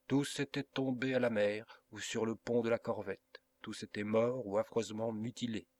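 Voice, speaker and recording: In a voice on the low side, a male audiobook reader narrates a classic adventure novel with expressive, dramatic storytelling.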